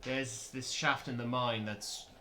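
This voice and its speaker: A man acting as game master, improvising tabletop game narration in a halting way, rephrasing as he goes. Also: medium pitch, fairly even intonation, pushed and bright. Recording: roomy echo, faint noise.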